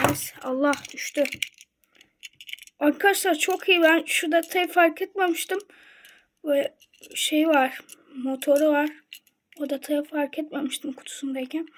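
High-voiced, chatty young woman unboxing toys. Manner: chatty and excited, addresses viewers directly. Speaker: toy unboxing vlogger. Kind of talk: casual unboxing chat.

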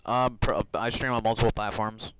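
A man chats casually on a live stream, wandering through his thoughts with fillers and little laughs. His voice is a touch low and very smooth, picked up close on a headset. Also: level tone, normal speed, fairly bright tone, rough recording. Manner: rambling, with frequent fillers and chuckles.

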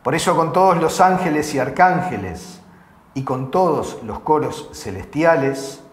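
A priest in his forties reciting the prayers of Mass in a solemn, measured way, with a lapel mic in a small chapel. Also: a little high. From Uruguay. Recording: echoey chapel.

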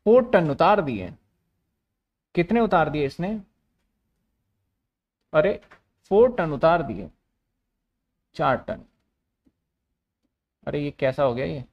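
A man's voice: a little high, animated, takes it slowly, pauses often, muffled recording. A man giving a commerce lecture, asking questions and answering them himself, often repeating phrases. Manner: repetitive, asks and answers his own questions. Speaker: commerce teacher. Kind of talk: online classroom lecture.

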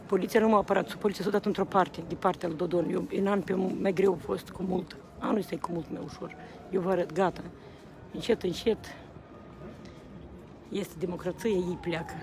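A woman's voice: on the low side, fairly even intonation. A woman speaking passionately to a reporter outdoors at a rally, repeatedly appealing to the people around her. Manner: agitated, repeats appeals to the crowd. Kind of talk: impassioned street interview. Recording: outdoor street recording with crowd noise. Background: crowd.

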